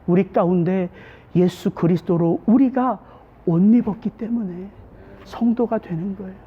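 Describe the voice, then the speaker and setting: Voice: medium pitch, dark tone, husky, highs cut off. A pastor delivering a Sunday sermon in a church, preaching with many rhetorical questions. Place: church sanctuary.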